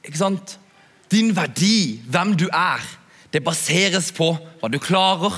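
A young man preaching to a youth audience in a relaxed, chatty way, often asking his listeners to agree. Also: high voice, breathy edge. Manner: chatty, asks "ikke sant?" often. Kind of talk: sermon. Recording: long hall reverb.

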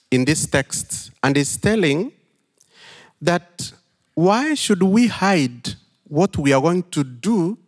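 A middle-aged pastor from western Kenya, with a Kenyan accent, telling a story in an unhurried sermon with thoughtful pauses. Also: male voice, fairly high pitch. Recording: long hall reverb.

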